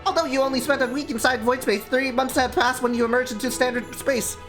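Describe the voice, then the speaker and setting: A man reading game text aloud while mimicking a fast-forwarded tape, high, squeaky and rushed. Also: fairly even intonation, fairly bright tone, soft background music. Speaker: game streamer.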